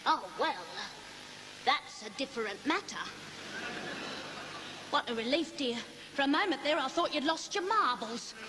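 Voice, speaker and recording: A scheming, chatty Cockney pie-shop woman, pitched high. She is brisk and motherly in a theatrical musical style, with clear background noise on the recording. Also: lively intonation. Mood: cheerfully callous. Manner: motherly endearments, practical and brisk. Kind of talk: theatrical stage-musical dialogue.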